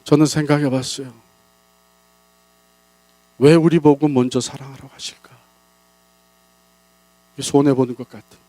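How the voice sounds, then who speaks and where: A man preaching at a church revival, rising and falling sharply in pitch and loudness as he presses his points. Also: level tone, normal speed, long pauses, dry recording, low-quality recording. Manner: dramatic, big swings in pitch and loudness. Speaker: pastor. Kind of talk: revival sermon.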